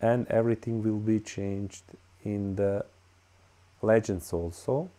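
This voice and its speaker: Speaking English as a second language, a Bosnian-accented man narrates a screen-recorded tutorial in a low, dark voice. He's slow and halting, leaning on "uh" and "all right," with fairly even intonation, like a plain desktop-mic voice-over.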